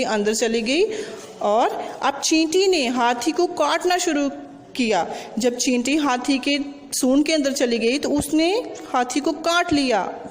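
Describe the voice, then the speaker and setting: A woman's voice: sits high, in a large hall. A woman teacher telling a story to young pupils, coaxing them along and repeating and questioning. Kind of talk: storytelling lesson for children.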